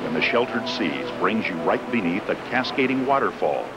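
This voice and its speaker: A man narrates a travel promotion in a polished, inviting voice. His pitch moves freely up and down as he reads the script. Music plays clearly beneath him. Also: sing-song, moderate pace, poor audio.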